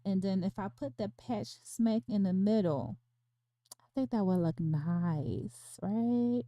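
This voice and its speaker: A woman hosts a casual crochet livestream from home, chatting, laughing often, and counting her stitches aloud. Her mid-range voice is mellow and unhurried, and there is no echo.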